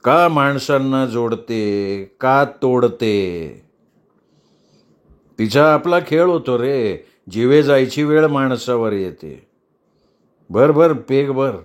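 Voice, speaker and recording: A man voicing a weary, drunk middle-aged man who slowly and bitterly philosophizes about fate. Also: medium pitch, animated. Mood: sorrowful.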